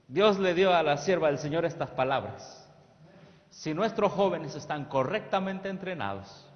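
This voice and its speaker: A man's voice: a little high, animated, normal speed. A man giving a sermon-style presentation on youth ministry, emphatic and asking the audience questions that they answer. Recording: reverberant hall, dull lo-fi sound.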